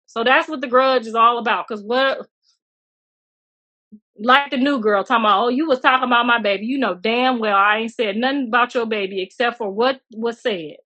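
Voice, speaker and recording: A woman's voice: fairly high pitch, pushed and bright, lo-fi sound. A middle-aged mother talking bluntly and chattily to viewers on her livestream, outdoors, calling them girl and honey. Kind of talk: casual livestream rant. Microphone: phone livestream.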